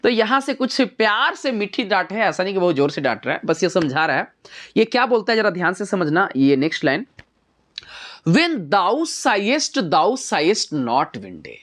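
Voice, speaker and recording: A woman's voice: mid-range voice, lively intonation, a little fast. A woman teacher explaining a poem line by line, using everyday examples and asking her students rhetorical questions. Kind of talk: poetry lesson explanation.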